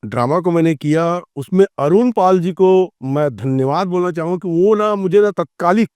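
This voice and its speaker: Rambling Chhattisgarhi man, slightly high. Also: moderate pace, clear, resonant tone, dry recording. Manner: rambling, animated, acts out quoted dialogue. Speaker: filmmaker and theatre actor. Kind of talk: casual storytelling in an interview.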